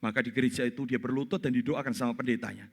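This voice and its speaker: A male pastor preaching a sermon in church, telling a story with lively acted-out voices and laughter. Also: mid-range voice, racing, creaky, breathy edge. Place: church sanctuary.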